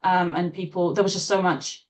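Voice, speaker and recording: A woman from Latvia, a guest in an interview, speaking in a thoughtful, hesitant way with many fillers and soft laughs. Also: fairly low pitch, little pitch movement, normal speed. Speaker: interview guest, trauma-informed coach. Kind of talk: casual interview chat.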